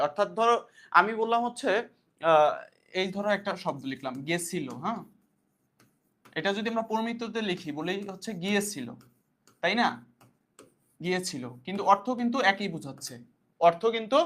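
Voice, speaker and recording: High-voiced man teaching a class. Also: fairly bright tone. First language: Bengali. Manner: explains in loose spoken Bangla, repeating points and asking questions back. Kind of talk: casual classroom lecture.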